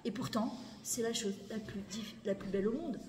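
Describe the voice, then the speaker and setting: An animated middle-aged woman teaches a Torah lesson, stressing points by repeating them and dropping in Hebrew words. Her voice sits a little high. The sound is roomy, with a long hall echo and a faint hum beneath. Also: moderate pace. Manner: animated, emphatic, repeats phrases, mixes Hebrew words into speech. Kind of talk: spoken lesson to a women's audience. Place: lecture hall. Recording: echoey hall, faint background noise.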